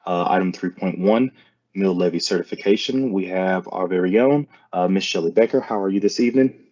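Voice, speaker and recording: A man's voice: low-pitched, a little fast, darkish tone. A man chairing an online board meeting in a courteous, formally polite manner over a video conference call. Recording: muffled video-call audio.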